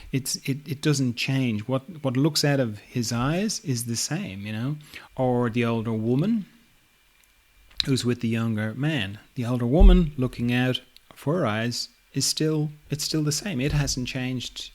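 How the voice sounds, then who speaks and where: A middle-aged man hosting a reflective podcast, speaking at an ordinary pitch for a man. His talk is relaxed and musing, loosely strung together with "you know" and gentle laughs. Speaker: podcast host.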